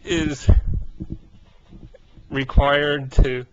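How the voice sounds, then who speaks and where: A man giving a casual personal vlog update, out of breath and speaking haltingly in short broken phrases. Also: fairly high pitch, level tone, background noise. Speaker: vlogger. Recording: dull, lo-fi sound.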